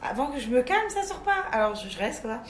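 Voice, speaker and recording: A woman's voice: high voice, big pitch swings, a little fast, slight background noise. A woman in a class, a mother, earnestly sharing her own struggles as she thinks aloud. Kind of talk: casual personal account. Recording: echoey room.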